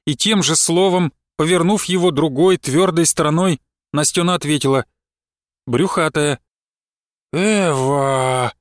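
A man narrating literary prose in a measured, expressive audiobook reading. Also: a little high, dry recording, studio quality.

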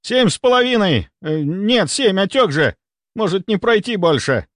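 A man's voice: high voice, very animated, moderate pace, a bit bright, no echo, clean studio sound, pitched above the performer's own voice. A man doing a barking fifties doctor. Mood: commanding. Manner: barking orders. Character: commanding male doctor in his fifties.

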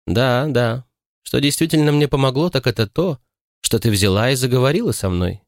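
A self-satisfied elderly spinster speaks in a sweet, smug, lilting voice, as a man puts her on in a raised register. Her pitch swings widely as she talks. The recording is dry and close. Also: animated, normal speed, no echo, natural voice.

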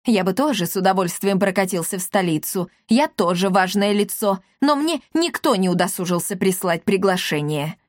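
A woman's voice: mid-range voice, animated, moderate pace, few pauses, no echo, clean studio sound, close to an everyday voice. A woman reading a story aloud, voicing a pompous, touchy old man who is the village elder and whines and takes offence. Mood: aggrieved. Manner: indignant, whining, aggrieved.

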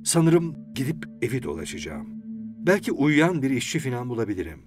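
A man playing a calm, dry-humored husband whose cheerful lines rise and fall freely. Music plays behind him. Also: mid-range voice, fairly quick, close to an everyday voice. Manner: light and cheerful.

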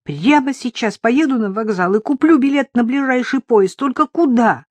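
A woman's voice: fairly high pitch, lively intonation, normal speed, no echo, voice pushed up. A woman reading a tearful young woman. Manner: emotional, on the verge of tears. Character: tearful young woman leaving her husband.

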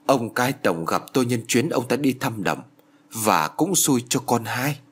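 A man voicing a remorseful old peasant father who confesses in a trembling, halting way. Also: medium pitch, lively intonation, husky.

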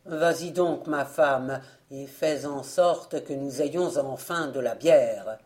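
A woman voicing an impatient, gruff old father who demands his beer. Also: very deep voice, slow, a little mellow, pitched below the performer's own voice. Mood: impatient demanding.

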